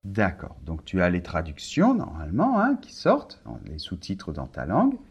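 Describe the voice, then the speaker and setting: A man teaching a pronunciation lesson for learners, slow and deliberate, repeating words for them. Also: low-pitched, huge pitch swings, a little mellow, husky, lo-fi sound. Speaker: French teacher.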